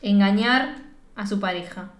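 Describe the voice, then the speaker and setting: Mujer argentina joven charlando animada. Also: female voice, medium pitch, measured pace. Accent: Argentine Spanish. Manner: animated, slangy, acts out lines of the characters. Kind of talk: casual chat recapping a film. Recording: echoey room.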